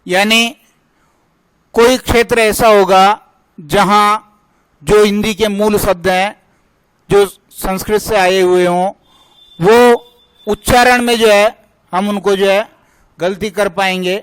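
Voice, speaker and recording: Male teacher, grammar lesson, high voice, dry close recording, asks and answers his own questions. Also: fairly even intonation, a bit bright, clear, resonant tone, no echo, poor audio. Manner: slow, repeats questions and answers to drill points.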